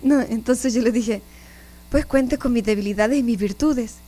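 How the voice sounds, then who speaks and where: Warm-voiced Puerto Rican nun. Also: female voice, fairly high pitch, normal speed, soft background music. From Puerto Rico. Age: 50s. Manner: animated storyteller, often addresses listeners directly. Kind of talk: personal testimony in an interview.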